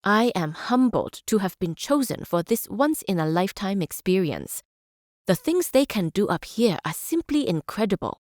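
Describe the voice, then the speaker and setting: A woman performs a visionary female scientist-chancellor from a strategy game. She speaks in measured, articulate sentences with earnest conviction, at a middling pitch. The sound is dry and clean of any room. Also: a little mellow, dry recording, lightly acted. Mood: earnest hope. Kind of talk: formal speeches and quotations in a strategy game.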